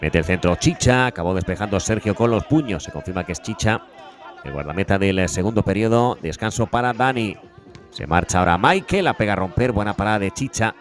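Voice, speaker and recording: A man giving live beach soccer play-by-play as a commentator, with breakneck goal commentary and drawn-out, repeated goal calls. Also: lowish voice, expressive, a faint crowd. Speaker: sports commentator.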